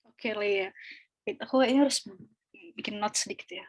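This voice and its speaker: A woman's voice: mid-range voice, normal speed. A woman tutoring an online speaking class, explaining in a chatty, casual way with fillers and small laughs over a video call.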